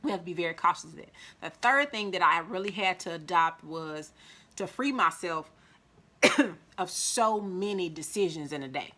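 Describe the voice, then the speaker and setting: A woman with a Mississippi accent giving casual life advice to the camera, chatty, acting out quoted voices with big jumps in pitch. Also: expressive, moderate pace, bright, forceful tone. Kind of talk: casual motivational talk to camera.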